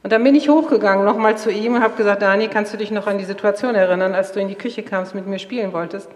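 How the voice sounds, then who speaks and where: A middle-aged woman tells stories from her family life, slipping into the voices of the people she quotes. Her voice carries through a roomy hall with a long reverb. Her pitch sits in an ordinary middle range. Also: fast talker. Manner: lively storyteller, acts out quoted dialogue. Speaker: speaker sharing marriage stories. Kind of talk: storytelling talk to an audience.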